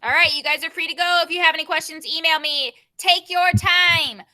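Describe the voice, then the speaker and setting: A young woman teacher leading an online grammar class over a video call, brisk and given to repeating her prompts. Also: very high-pitched, fairly even intonation, bright, forceful tone.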